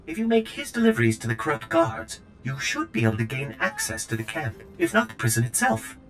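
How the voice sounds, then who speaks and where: A man voicing a too-smooth android servant. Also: lowish voice, brisk, fairly bright tone, soft background music, natural voice. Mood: brisk. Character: prim, fussy male servant droid, smooth-voiced. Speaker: game character. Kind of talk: video game voice acting.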